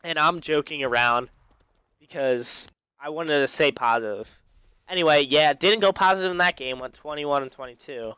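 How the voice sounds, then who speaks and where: A man's voice: a little high, normal speed, pushed and bright, clean tone, no echo. A man telling a rambling personal story in casual chat over live gameplay commentary, full of fillers and restarts. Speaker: gaming commentator.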